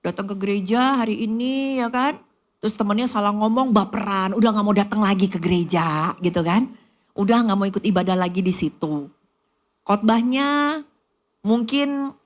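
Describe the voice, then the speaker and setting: At medium pitch and normal speed, a woman pastor delivers an animated sermon. She often calls out to the women in the congregation and acts out small scenes of everyday chatter.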